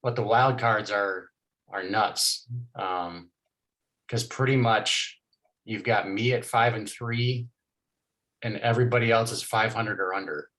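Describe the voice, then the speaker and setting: A man with a fairly low voice talks through fantasy football standings in casual podcast chat. He rattles off teams and win-loss records in quick bursts, with easy filler words between them. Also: a bit bright, poor audio. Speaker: fantasy football league co-host.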